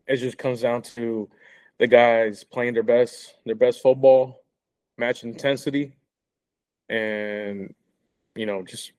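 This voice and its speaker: A man's voice: mid-range voice, darkish tone. A man chats casually about college football as a podcast co-host. He stumbles through restarts and repeated words and often breaks into laughter. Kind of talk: casual sports chat.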